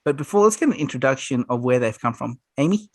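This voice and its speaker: A man's voice: medium pitch, expressive, fast, dry recording. Man, host, casual interview, upbeat, dry close mic. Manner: upbeat, short reactions. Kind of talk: casual interview on a video call.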